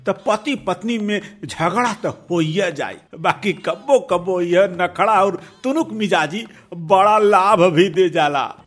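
A man's voice: high-pitched, slow, a bit bright. A man with a Bhojpuri accent, a radio host narrating a humorous folk tale in a chatty, playful way, talking to his listeners like friends. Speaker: radio jockey and storyteller.

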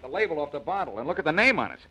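An actor in an old radio show playing a sharp, confident amateur detective. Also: male voice, on the high side, sing-song, rapid-fire, slightly rough, lo-fi sound, heavily acted. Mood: investigating. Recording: old radio recording with faint noise.

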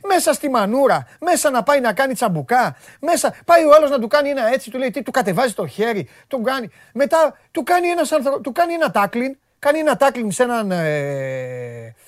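A man hosting a sports talk show, chatting in an animated, joking way, his voice jumping high when he gets worked up. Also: hardly any pauses, no room sound, studio quality. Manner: excitable, jokey, voice jumps high when worked up.

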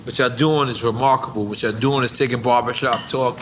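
American guy podcast host, loud opinionated ribbing, bright punchy voice, some room noise behind him. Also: mid-range voice, fairly even intonation, fairly quick. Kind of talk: casual podcast conversation.

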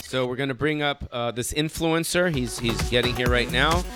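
A man's voice: mid-range voice, moderate pace, over music. A man hosting a loose, joking talk show, teasing his guests and swearing freely. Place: studio van with guests.

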